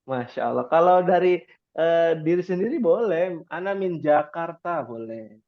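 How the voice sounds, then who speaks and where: A man teaching an Arabic class online, encouraging students and slowly repeating words for them. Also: fairly high pitch, expressive, muffled recording.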